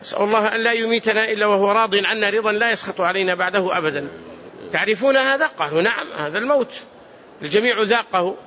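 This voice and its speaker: High, bright-voiced man teaching hadith. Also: very fast, highs cut off. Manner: earnest, repeats phrases, adds prayers. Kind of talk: mosque lesson commentary. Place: large mosque.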